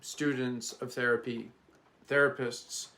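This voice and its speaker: A middle-aged or older man from the Bronx giving an informal, earnest introduction as a therapist and teacher, speaking in a halting, reflective way. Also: mid-range voice, little pitch movement, bright, forceful tone. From the Bronx, New York. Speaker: psychologist and therapy teacher presenting his channel. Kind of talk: informal spoken introduction to camera. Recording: echoey room, distant mic, faint noise.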